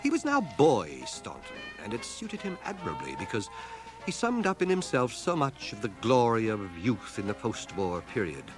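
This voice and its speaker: For a 1980 radio drama, a bookish, self-deprecating man narrates his memoirs in a wry, reflective mood. His measured delivery swings widely and expressively in pitch, and music plays behind him on what is a cassette transfer.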